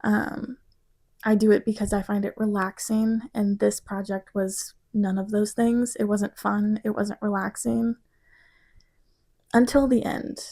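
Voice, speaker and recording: A woman in her twenties, a design student from Missouri, talking about her project in a reflective vlog, halting and emotional at times. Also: medium pitch, level tone, creaky, warm tone.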